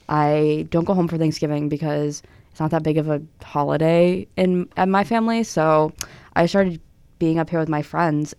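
A chatty woman co-hosts a casual talk show. Her voice sits a bit low and sounds smooth and clean. She tells stories and teases her friends with ease. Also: a little mellow, no echo. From Tennessee. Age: 20s. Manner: chatty, storytelling, teasing. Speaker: co-host. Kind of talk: casual chat.

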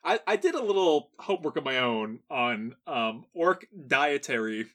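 A laid-back male podcast co-host with a bright, tense edge to his voice. He chats casually, laughs often and fills pauses with hesitant ums and uhs. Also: mid-range voice, sing-song. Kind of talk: casual comedic chat.

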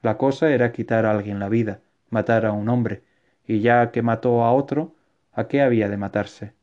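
A man's voice: mid-range voice, fairly even intonation, moderate pace, lightly acted. A man voicing a stubborn, anxious young man who argues earnestly with his own author, read as an audiobook. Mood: insistent. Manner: earnest, insistent reasoning. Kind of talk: audiobook reading. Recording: dull lo-fi recording.

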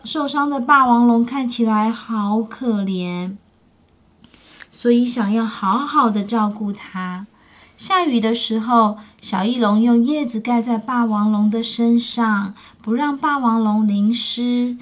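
Here a woman with a rather high voice reads aloud to children, taking it a little slowly. She gives the tale lively expression and occasionally stops to ask the kids questions.

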